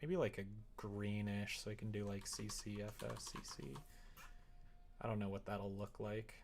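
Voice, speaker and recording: A fairly low-pitched male voice, flat in delivery and at normal speed, carries this casual livestream. He rambles and thinks aloud while working through a tutorial. Keyboard typing and background noise sit under a clear recording.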